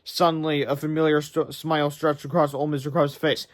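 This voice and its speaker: A man reading a children's book aloud in an animated way, breaking off for excited asides. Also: fairly high pitch, fairly quick. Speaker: read-aloud narrator.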